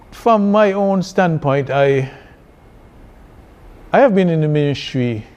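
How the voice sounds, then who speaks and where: A man from Saint Kitts with a Kittitian accent, answering as a church leader in an interview, haltingly and deliberately, often repeating words. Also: medium pitch, a little mellow. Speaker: church district superintendent being interviewed.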